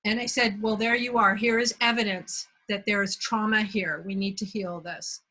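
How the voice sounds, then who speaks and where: Woman, from Belgium, host, bright tone, reflective storytelling, unhurried. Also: mid-range voice, fairly even intonation, rough recording. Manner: reflective, unhurried, searching for words. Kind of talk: casual storytelling conversation.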